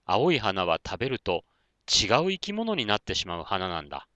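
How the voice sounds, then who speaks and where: A man voicing a large snake in a children's story, slow and drawn-out. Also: fairly low pitch, wildly swooping pitch, bright, forceful tone, no echo, highs cut off, heavily acted. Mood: friendly. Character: big snake, gruff at first, then kindly.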